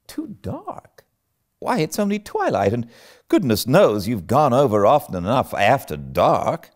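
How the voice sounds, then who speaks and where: Man as a stern, animated older storybook woman. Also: medium pitch, voice pushed up. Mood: impatient, scolding. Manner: brisk, scolding, incredulous. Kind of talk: storybook character reading.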